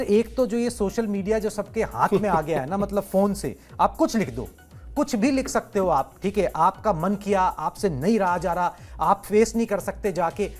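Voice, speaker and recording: A man hosting a sports talk show, speaking in a conversational way with drawn-out filler pauses. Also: sits high, darkish tone.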